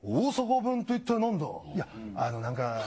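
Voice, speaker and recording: A woman's voice: medium pitch, sing-song, dark tone, pitched below the performer's own voice, close to an everyday voice. Man doing a shy young woman. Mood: hesitant. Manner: hesitant, halting.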